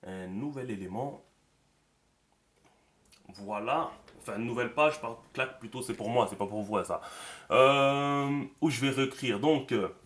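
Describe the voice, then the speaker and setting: A man's voice: mid-range voice, a bit bright. A man teaching a writing system in a screen-recorded tutorial, thinking aloud as he draws and dropping many fillers. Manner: talks to himself while writing, many fillers. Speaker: teacher of a script.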